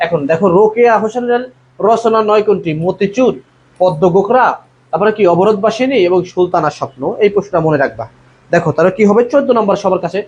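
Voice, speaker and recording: A male admission tutor with a high, animated, fast voice and darkish tone leads a live online class. He calls students "bhaiya," reads their answers out from the comments, and asks the group to respond. The sound is dull and lo-fi with faint noise.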